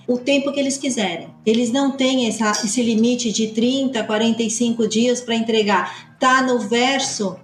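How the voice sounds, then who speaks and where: Woman explaining customs stuff fast and firm, kinda high voice, echoey room, faint music under it. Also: fairly even intonation. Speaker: customs consultancy partner. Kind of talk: podcast discussion.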